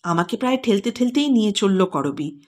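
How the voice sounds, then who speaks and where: Expressive woman narrating a story. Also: medium pitch, fairly quick.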